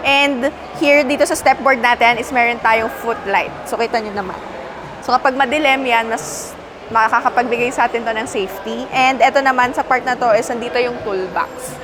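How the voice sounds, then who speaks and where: A young woman from the Philippines hosts a casual car walkaround, her voice sitting a little high. She chats her way through the cabin of a passenger van, pointing out one feature after another. A faint hum of background noise runs under her voice. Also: moderate pace. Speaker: car review presenter.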